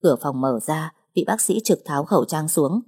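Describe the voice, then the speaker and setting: Husky woman narrating an audiobook. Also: low voice, a little fast. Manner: steady storytelling.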